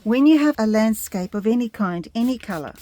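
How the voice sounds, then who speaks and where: A woman giving a step-by-step painting tutorial in a gentle, unhurried instructing manner. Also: on the high side, expressive, background noise.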